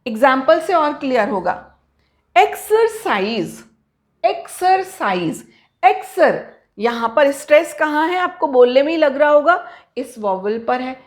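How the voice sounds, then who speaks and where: A woman's voice: high voice, animated, normal speed. A woman teaching English pronunciation, who asks her students questions and answers them herself, and stretches out example words as she spells them. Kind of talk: explanatory lesson to students.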